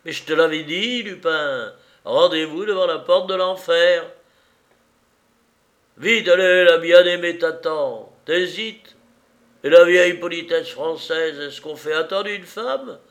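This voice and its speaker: A man's voice: a little high, slow pace, fairly bright tone, pitched above the performer's own voice. A man voicing a vicious crippled bandit who taunts with strident, cackling glee. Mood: gloating. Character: gloating crippled male bandit, vicious and shrill.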